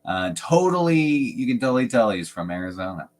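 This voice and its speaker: A man's voice: mid-range voice, big pitch swings, fairly quick. A man hosting a fragrance livestream, chatting casually and rambling with frequent laughs. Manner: laid-back, rambling, laughs often. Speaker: fragrance channel host.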